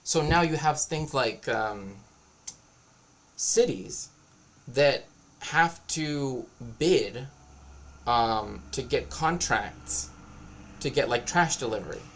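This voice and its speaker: Guy on a stream ranting casually, explaining stuff in an opinionated way, ordinary middle pitch. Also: expressive, slow pace, long pauses, fairly bright tone, slight background noise. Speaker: streamer and cultural historian. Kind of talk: casual livestream monologue.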